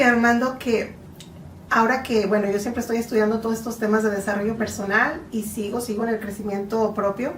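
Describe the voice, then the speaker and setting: Mexican woman answering from far off. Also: fairly high pitch. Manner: earnest, explanatory, slow in places. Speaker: guest psychotherapist. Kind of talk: interview answers. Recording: echoey room, distant from mic, faint noise.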